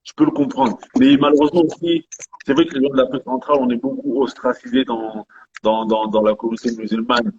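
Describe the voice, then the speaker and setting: A man from Gabon with a mid-range voice hosts a live online debate. He speaks in a measured way and passes the floor to his guests. His call audio sounds slightly muffled and lo-fi. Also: medium pitch, steady tone, a little mellow, a little hiss or hum. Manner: measured, gives the floor to others.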